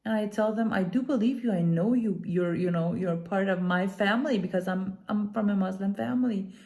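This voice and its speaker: A medium-pitched woman with a mellow voice, born in Iran and raised in Denmark from childhood, speaks to camera as a commentator and activist. Her unscripted opinion commentary comes out earnest and halting, with deliberate emphasis.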